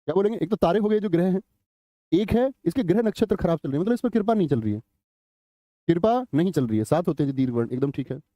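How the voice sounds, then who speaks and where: Guy teaching grammar live, high voice but mellow, dry close sound. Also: animated, quick pace, no echo. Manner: chatty, tells anecdotes, quizzes students and answers chat. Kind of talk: live online Hindi grammar class.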